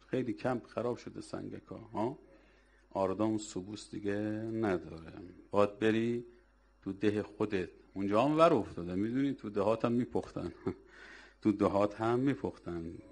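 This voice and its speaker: A man with a very low, deep voice delivers a sermon. He presses his listeners hard with rhetorical questions and scolds them. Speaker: preacher. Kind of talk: religious sermon.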